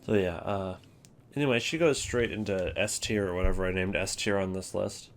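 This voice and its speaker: This low-pitched man talks at normal speed over slight background noise. As a video creator ranking game voice lines, he rambles casually, offhand and hesitant, frequently cutting himself off mid-thought.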